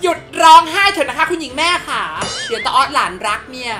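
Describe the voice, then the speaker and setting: A woman playing a haughty, scornful female villain from a period drama, mocking and loud. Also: high voice, expressive, quick pace, music in the background, voice pushed up.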